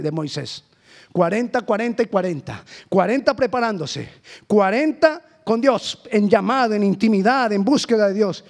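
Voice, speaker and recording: A Colombian man preaching a sermon as pastor, swinging between loud emphasis and hushed lines. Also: high voice. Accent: Colombian Spanish.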